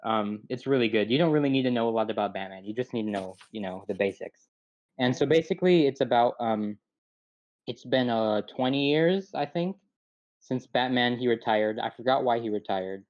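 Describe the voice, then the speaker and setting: A man's voice: medium pitch, expressive, normal speed, darkish tone. A young man chatting casually, rambling and laughing at himself as he loses his train of thought, on a dull lo-fi recording. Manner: rambling, laughing, self-deprecating. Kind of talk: casual chat. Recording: dull lo-fi sound.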